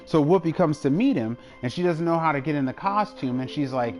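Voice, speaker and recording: A man's voice: a little high, lively intonation, brisk, a little mellow, soft background music, low-quality recording. A young man streaming a game, chatting in a rambling, casual way and laughing often. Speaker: live streamer. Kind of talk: casual chat while gaming.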